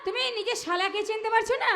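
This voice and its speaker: A woman's voice: very high-pitched, racing, fairly bright tone. A woman playing a fussing, scolding elder sister. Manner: scolding and placating. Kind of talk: live rural stage comedy.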